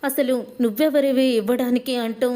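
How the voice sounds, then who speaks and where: A woman's voice: sits high, steady tone, brisk, warm tone, close to an everyday voice. A woman voicing a spiteful, scheming mother-in-law in a serial recap, her delivery insistent and needling.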